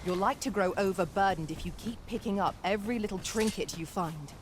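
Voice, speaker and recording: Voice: mid-range voice, brisk, background noise, lightly acted. An actor playing a loyal, protective companion in a fantasy video game, chiding and speaking in mock archaic phrases.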